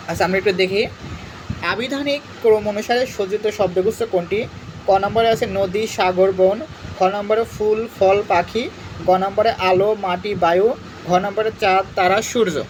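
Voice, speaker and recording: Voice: medium pitch, a little mellow, slight background noise, poor audio. A young adult tutor reads out multiple-choice options, then patiently explains and repeats each answer in an exam-prep lesson.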